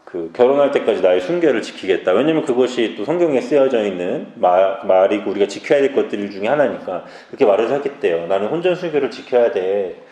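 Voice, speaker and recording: A man's voice: on the low side, lively intonation, quick pace, few pauses, warm tone. A man in his mid-thirties, a pastor preaching a sermon and asking the congregation questions. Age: mid-30s. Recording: echoey church hall.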